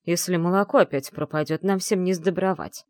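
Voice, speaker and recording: A woman's voice: fairly low pitch, fairly quick, darkish tone, no room sound, close to an everyday voice. A prim, stern old housekeeper in a storybook, drawling out orders in a dull, strict tone, as a woman reader puts her on. The voice sits close and dry.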